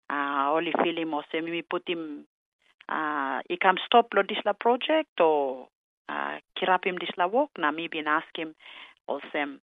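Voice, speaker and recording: A woman's voice: lowish voice, dry recording. A woman with a Papua New Guinean accent speaking Tok Pisin in a radio news interview. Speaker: agriculture policy officer being interviewed. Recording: narrow phone-like radio sound.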